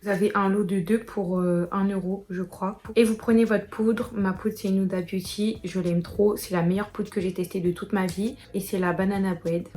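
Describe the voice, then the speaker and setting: A woman's voice: mid-range voice, fairly even intonation, moderate pace, hardly any pauses, dark tone. A young woman walking viewers through a casual makeup tutorial, chatty and talking straight to them. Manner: chatty, addresses viewers directly. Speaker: beauty vlogger.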